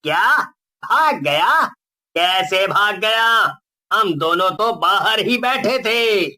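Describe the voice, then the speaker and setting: A man's voice: high voice, lively intonation, slow, pushed and bright, full character voice. A man voicing a menacing male ghost who steals children, gloating and threatening in a cartoon story. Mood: shocked. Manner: gloating, threatening, mocking laughter. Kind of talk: cartoon voice acting.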